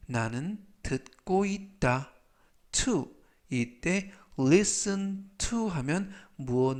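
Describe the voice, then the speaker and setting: Slow, careful male English teacher. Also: medium pitch. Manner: slow, careful explanations, drawing out English words for pronunciation. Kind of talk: scripted vocabulary lesson.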